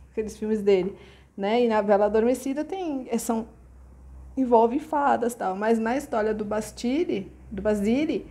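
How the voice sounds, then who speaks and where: A woman with a Brazilian Portuguese accent retells an old folk tale in a casual, chatty way and wanders off into asides. Her voice sits somewhat high, with a mellow, soft tone. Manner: chatty and digressive, with frequent asides. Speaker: storyteller.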